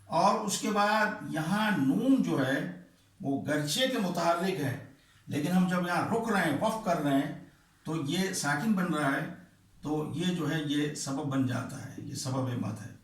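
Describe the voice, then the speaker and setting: A man with a somewhat high voice teaches the rules of Quran recitation, repeating terms patiently and drawing out vowels to demonstrate. His voice rings in a very reverberant room. He stands back from the microphone. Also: expressive, distant mic. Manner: patient, repeats terms slowly, checks understanding with "ٹھیک ہے"; demonstrates by stretching vowels in chanted examples. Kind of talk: explaining recitation rules at a board.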